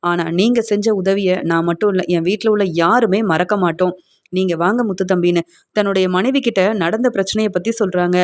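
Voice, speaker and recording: A woman's voice: mid-range voice, fairly quick, darkish tone. A woman retelling a TV serial episode, narrating the scenes and speaking each character's lines herself.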